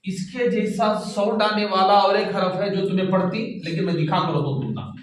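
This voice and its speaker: A man's voice: sits high, normal speed. A man teaching Quran reading to a class, patiently repeating sounds and checking that everyone follows. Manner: keeps checking that students follow. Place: classroom with students. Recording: echoey room, distant mic, faint noise.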